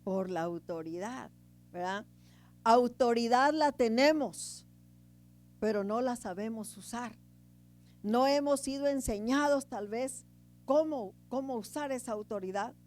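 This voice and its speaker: A woman preaching a sermon in a chatty teaching tone, often checking in with the congregation and swinging between loud emphasis and quiet asides. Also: fairly high pitch, a little slow. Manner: conversational, keeps asking the congregation "right?".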